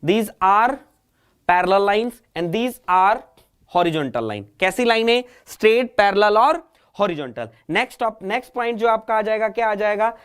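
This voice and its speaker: A man's voice: sits high, smooth. A man teaching an exam coaching lecture. He asks the class a question, repeats it, answers it himself, and calls his students "child".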